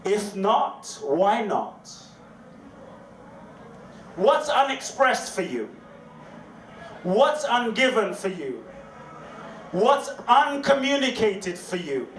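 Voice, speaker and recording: Slow, dramatic male motivational speaker. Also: high-pitched, very animated, fairly bright tone. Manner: slow, dramatic, repeats questions, leads call-and-response. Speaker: inspirational speaker. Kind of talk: motivational speech to a live audience. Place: event hall. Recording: echoey hall, distant mic, faint noise.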